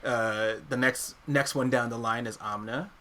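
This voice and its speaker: A man's voice: medium pitch, fairly even intonation, measured pace, bright, forceful tone. A man in his mid twenties hosting a casual podcast, introducing his friends with lots of laughter. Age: 20s. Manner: giggly, introducing others. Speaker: podcast host. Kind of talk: casual chat.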